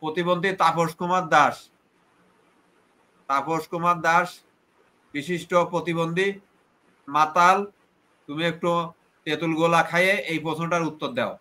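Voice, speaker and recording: A man's voice: a little high, sharp tone. A man hosting a heated live debate, repeating himself and taunting his opponent. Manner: repetitive, taunting, insulting. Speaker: live stream host.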